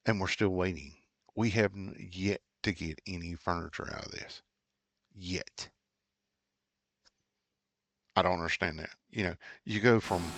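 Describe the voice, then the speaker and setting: A man's voice: low-pitched, a bit bright, no echo. A middle-aged man hosting a farming game video, rambling and ranting in casual commentary with lots of fillers and restarts. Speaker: gaming channel host.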